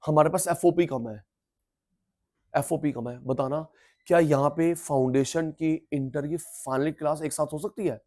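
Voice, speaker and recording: A middle-aged man teaching economics in an energetic lecture, loudly coaxing and quizzing his students. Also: a little high, normal speed.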